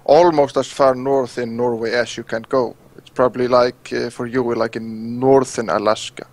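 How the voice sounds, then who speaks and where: A man from Iceland, calling in to a show and speaking halting English as he searches for words. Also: mid-range voice, fairly even intonation, a little mellow, low-quality recording. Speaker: caller. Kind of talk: casual phone-in chat.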